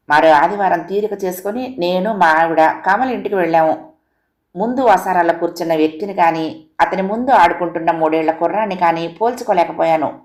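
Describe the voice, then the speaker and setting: A woman storyteller calmly narrating a written short story. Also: fairly low pitch. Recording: roomy echo.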